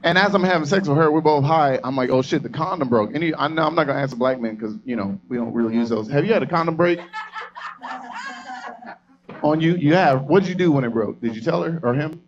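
A man's voice: fairly high pitch, fast, lo-fi sound. A man doing a stand-up comedy set on a club stage, telling a crude story in a brash, profane way and talking to the crowd.

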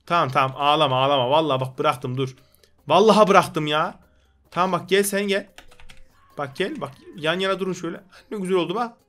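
A young man with a high voice gives rowdy, excited gameplay commentary. He jokes and scolds the game characters in a put-on comic street manner. Faint music plays beneath his voice. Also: a little fast. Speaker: gaming YouTuber.

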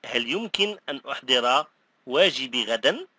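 A man reading short phrases for a language lesson, saying each one twice, slowly and clearly. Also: medium pitch, animated, sharp tone, no room sound. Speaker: language teacher.

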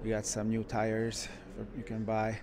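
A man who runs a car shop, walking through a car museum and giving casual, enthusiastic commentary with frequent pauses. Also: fairly low pitch, completely flat delivery, a crowd in the background. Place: indoor car museum halls.

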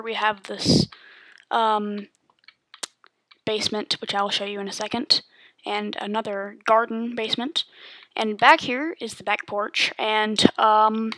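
A woman's voice: medium pitch, no room sound. A woman giving a casual, rambling voice-over tour of her game world, with lots of ums and likes. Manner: relaxed, rambling with many ums.

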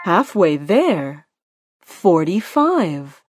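A woman working as a bingo caller, announcing each call deliberately in short, separate phrases. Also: fairly low pitch, sing-song, slightly rough. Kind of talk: bingo calling with rhyming nicknames, announced number by number. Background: music.

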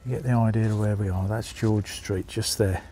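Walking a small seaside town with his phone in hand, this vlogger speaks in a warm, fairly low voice with a Birmingham accent. His tone is steady and his pace moderate, he addresses viewers as folks, and there's a little hiss or hum in the background.

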